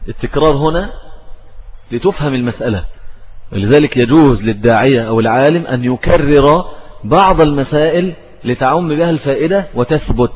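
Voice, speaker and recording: A man's voice: a little high, darkish tone, breathy edge. A man with an Egyptian accent teaching a religious lesson, asking his own questions and answering them. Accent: Egyptian Arabic. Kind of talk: religious lesson explaining hadith. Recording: dull, reverberant hall recording.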